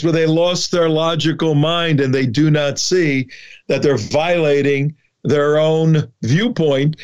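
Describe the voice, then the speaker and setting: A man's voice: on the high side, a little mellow. A man around seventy, a border activist guest, talking emphatically in a rambling interview with many restarts. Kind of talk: conversational interview. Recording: dull lo-fi remote line.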